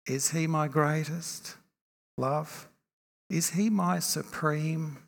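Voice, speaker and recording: Gravelly-voiced male preacher in a reverberant hall. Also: fairly high pitch, fairly even intonation. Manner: measured, reflective, asks rhetorical questions. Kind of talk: sermon. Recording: long reverb from a large hall.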